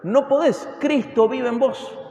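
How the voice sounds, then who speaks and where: High-voiced Argentine preacher in echoey hall. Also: male voice, a little slow, warm tone, muffled recording. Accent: Argentine Spanish (Córdoba). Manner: emphatic, firing rhetorical questions at the congregation. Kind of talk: expository sermon. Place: church hall. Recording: echoey hall with long reverb.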